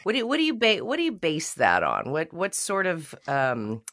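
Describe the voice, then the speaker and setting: A podcast co-host chatting casually, with quick interjections and laughter. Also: medium pitch, huge pitch swings, a bit bright, no room sound, clean studio sound. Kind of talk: casual chat.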